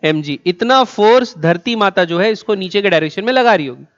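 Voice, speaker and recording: A high-pitched man teaching physics, throwing questions at the class and answering them himself. He slows right down on key words and repeats them for emphasis. The sound is dull and lo-fi. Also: expressive. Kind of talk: classroom lecture.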